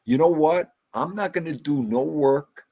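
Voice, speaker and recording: A man's voice: a little high, measured pace, mellow, no echo, dull audio. A man on a casual livestream panel, speaking in an emphatic, plain-spoken way and repeating his points. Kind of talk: casual chat.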